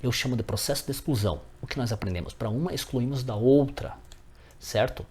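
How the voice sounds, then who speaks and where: A man's voice: medium pitch, brisk, a little mellow, breathy edge. A man teaching a grammar lesson, often checking in with his viewers as friends.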